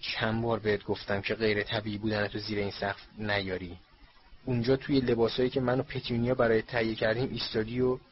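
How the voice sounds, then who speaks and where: A man doing a stout grumpy middle-aged uncle from a storybook, gruff and bullying, barking short scolding lines, slightly dull recording with a faint hiss. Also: mid-range voice, animated, lightly acted. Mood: angry.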